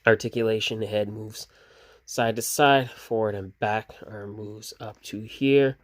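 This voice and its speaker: A man's voice: on the low side, a little slow. Laid-back man rambling through toy reviews. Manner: relaxed, rambling, many fillers and restarts. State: sleepy, yawning. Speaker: toy collector reviewing action figures.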